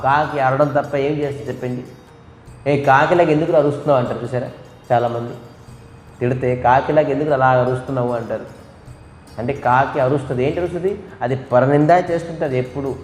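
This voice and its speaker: A man's voice: medium pitch, a little mellow. A man preaching a devotional storytelling sermon, asking and answering his own questions and imitating animal calls. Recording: echoey hall with faint music.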